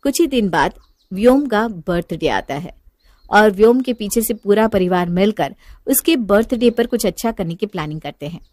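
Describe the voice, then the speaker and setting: A woman narrating a family bedtime story in an animated, scripted style. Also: medium pitch, moderate pace, no room sound.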